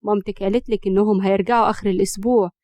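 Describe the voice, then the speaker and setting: Woman playing a sly middle-aged Egyptian mother, soothing and teasing, fast talk. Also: mid-range voice, steady tone, mellow, no room sound, close to an everyday voice.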